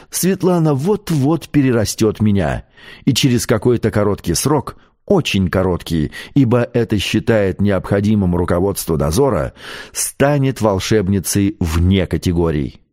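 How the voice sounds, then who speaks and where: Low, mellow-voiced male audiobook narrator. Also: animated, measured pace. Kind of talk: scripted narration.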